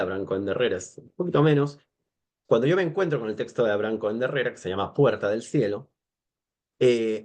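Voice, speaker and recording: Argentine guy in his 40s, a guest on a podcast, kinda low voice, lots of "eh"s and restarts, wanders off topic. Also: a little mellow. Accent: Argentine Spanish. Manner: hesitant, many fillers and restarts, digressive. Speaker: guest scholar. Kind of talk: podcast interview.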